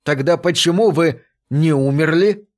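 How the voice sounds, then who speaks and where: A man's voice: fairly high pitch, unhurried, a little mellow, voice pushed up, close to an everyday voice. A man voicing a meek, bewildered work robot in an audiobook, speaking in a plaintive, aggrieved way. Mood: disapproving. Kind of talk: audiobook reading of a science fiction story.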